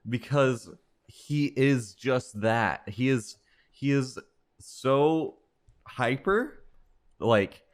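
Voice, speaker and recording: A young man chatting on a casual podcast at an unhurried, drawn-out pace. His voice sits at a medium pitch. He laughs a lot and slips into mocking impressions of stammering people. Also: animated. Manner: laughs often, mimics others' stammering. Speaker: podcast co-host.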